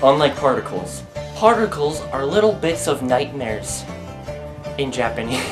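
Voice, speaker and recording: A man's voice: mid-range voice, sing-song, a little slow. A young man presenting a comedic explainer video in a dry, sarcastic, self-mocking way. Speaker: student presenter. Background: music.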